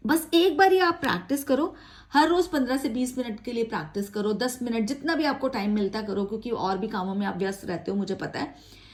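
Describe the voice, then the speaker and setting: Casting: female English teacher, high voice, upbeat coaching, slow drilled example phrases. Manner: encouraging, chatty. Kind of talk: spoken English lesson.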